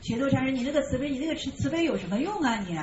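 High-voiced woman giving a Chan dharma talk. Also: expressive, noisy background. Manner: chanting verse lines slowly, then scolding rhetorically; repeats phrases insistently. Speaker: Chan Buddhist teacher. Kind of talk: dharma talk explaining a koan verse. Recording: roomy, slightly dull recording.

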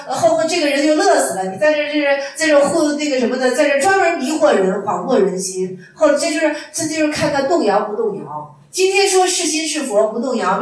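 A woman teacher tells Chan stories in a folksy dharma talk, repeating her lines as she goes. Her fairly high voice sits far from the mic. It rings through a very echoey room over a faint ambient hum. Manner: folksy, repeats phrases, acts out quoted masters. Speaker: Buddhist teacher.

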